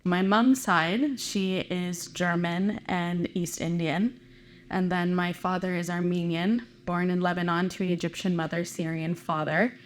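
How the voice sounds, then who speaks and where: A woman musician talks in an eager, conversational way in a documentary interview. Her voice sits a little low, and faint room ambience is heard behind her. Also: steady tone, unhurried, slight background noise.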